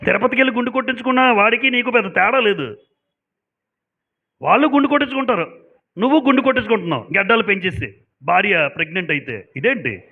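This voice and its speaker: A man's voice: high voice, animated, fast, long pauses. A man preaching a sermon to a congregation, emphatic and asking them pointed questions. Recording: dull lo-fi sound.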